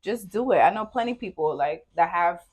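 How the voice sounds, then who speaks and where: A young woman co-hosting a podcast, chatting casually and telling stories with lively acted-out quotes. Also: lowish voice, brisk, breathy edge. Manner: animated storytelling, acts out her own quoted lines. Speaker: podcast co-host.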